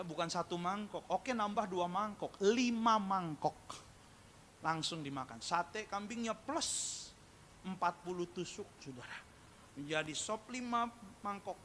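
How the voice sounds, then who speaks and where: A man's voice: a little high, a bit bright, slight background noise. A male pastor preaching a sermon. He tells humorous stories, keeps addressing the congregation, and calls for amens. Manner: calls for amen and audience responses. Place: church service, also streamed live.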